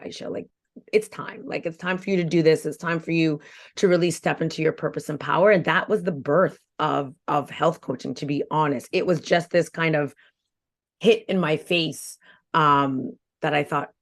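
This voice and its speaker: A woman in her forties talks in a low, earnest voice as a guest on a podcast. She reflects as she goes, circling back and repeating phrases to drive a point home. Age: 40s. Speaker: health coach guest. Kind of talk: podcast interview.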